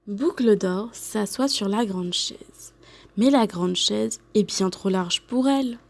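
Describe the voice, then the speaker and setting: Slow, expressive woman teacher reading aloud. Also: medium pitch, vocal fry. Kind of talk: reading a picture book aloud to children.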